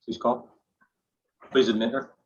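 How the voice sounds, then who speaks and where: A man's voice: medium pitch, level tone, breathy edge. Man chairing a hearing, dull lo-fi recording. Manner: halting, with many fillers. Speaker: hearings officer. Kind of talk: formal proceeding moderation. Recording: dull lo-fi remote hearing audio.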